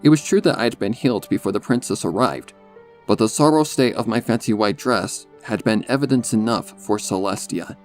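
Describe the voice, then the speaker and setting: A man reading a dark first-person story as a narrator, in a measured, solemn manner. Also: on the low side. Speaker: fan fiction narrator. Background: music under the voice.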